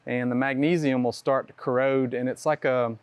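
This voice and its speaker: A man with an average-pitched voice explains engine faults in a plain, practical way. He talks like a mechanic walking an audience through hands-on repair work. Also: fairly even intonation, normal speed, smooth, dry recording. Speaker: mechanic presenting a tech session. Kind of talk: casual technical explanation.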